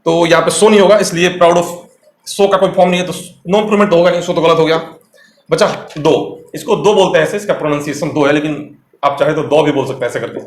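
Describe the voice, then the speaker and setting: A man's voice: fairly high pitch, quick pace. Man teaching grammar in an echoey room. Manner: explains step by step, quizzing the viewer. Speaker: English teacher. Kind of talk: exam-prep grammar lecture.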